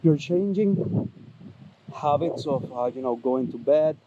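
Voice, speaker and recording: A man's voice: on the high side, expressive, slow, lo-fi sound. A man giving fitness advice in a casual outdoor vlog, a bit out of breath, talking chattily with many fillers and restarts. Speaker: fitness vlogger. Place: outdoors, windy, by traffic. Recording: outdoor wind and traffic noise.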